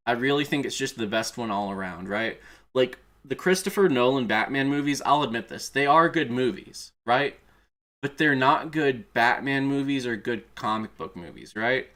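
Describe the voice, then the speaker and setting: On a livestream with background music, a man with a medium-pitched, fairly bright voice talks casually as an excited fan. He's a streamer and video creator, and he swears every so often.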